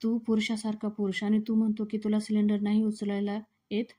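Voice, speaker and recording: Fretting, scolding mother, read flatly by a woman recapping a serial; low-key and dark-toned. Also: a little fast, lightly acted. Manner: pleading, scolding in plain read-aloud tone. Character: worried middle-aged mother scolding her son.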